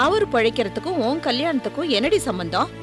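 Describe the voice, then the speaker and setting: A woman's voice: high voice, very animated, quick pace, over music. An actress playing a worried elder sister questioning her younger sibling, in a TV serial. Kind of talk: TV serial acting.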